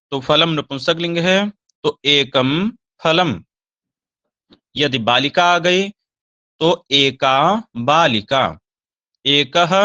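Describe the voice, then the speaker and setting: A man teaching Sanskrit grammar, slowly reciting verb forms in a recorded lesson, with a Hindi accent. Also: fairly high pitch, sharp tone, no room sound, lo-fi sound.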